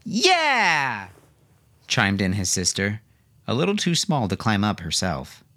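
A man with a low voice narrates a novel aloud. His reading swings widely in pitch, with expressive storytelling. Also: moderate pace. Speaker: audiobook narrator. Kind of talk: scripted narration.

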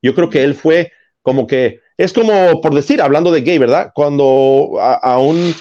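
A man's voice: on the high side, unhurried, dark tone. A man, co-hosting a casual podcast chat and explaining his views through long analogies. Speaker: podcast co-host. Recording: slightly dull lo-fi sound.

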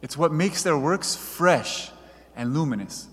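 A man preaching a sermon in an earnest, measured way, reading quoted passages aloud. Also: a little high, animated, a bit bright, in a large hall.

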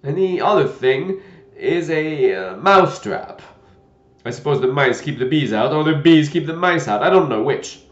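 A man voicing a gentle, fussy old knight who talks loudly and fretfully. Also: a little high, sing-song, slow, voice pushed up. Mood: fussy eager. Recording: dull lo-fi roomy recording.

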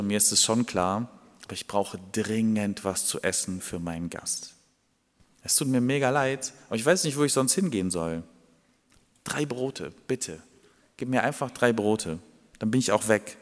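A man's voice: lowish voice, long reverb tail, lightly acted. A man acting out a worried man who must feed a late guest and pleads with his friend for bread. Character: flustered man begging a friend for bread at night.

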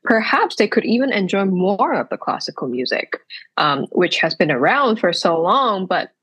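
A young woman from Hong Kong, a percussionist guest in a casual podcast interview, speaking thoughtfully with frequent pauses. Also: medium pitch, very animated, a bit bright, husky.

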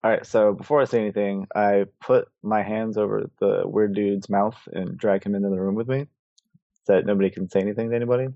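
A man chatting casually as a player in a tabletop game, asking quick questions. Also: lowish voice, fairly even intonation, gravelly, no echo, dull audio.

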